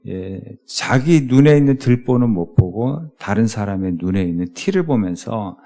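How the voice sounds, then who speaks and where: A man's voice: on the low side, expressive, moderate pace, dark tone, faint music behind. A male pastor giving a conversational sermon, often asking his listeners rhetorical questions.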